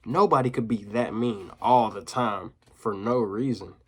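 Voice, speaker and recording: A man's voice: lowish voice, measured pace, husky. A male teacher reading a children's book aloud, dropping into casual, slangy asides to his listeners.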